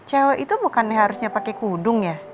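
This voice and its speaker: A woman's voice: on the high side, expressive, fast, lightly acted. A woman voicing a small child who scolds and pleads with the mother, in a raised childish voice. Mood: scolding.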